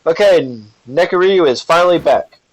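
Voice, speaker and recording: A man's voice: fairly high pitch, normal speed, dry recording, faint music behind. Man rambling through a fan story. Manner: rambling, loose, with fillers and asides. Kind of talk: casual fan-fiction storytelling. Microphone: voice call. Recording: dry, dull lo-fi call audio.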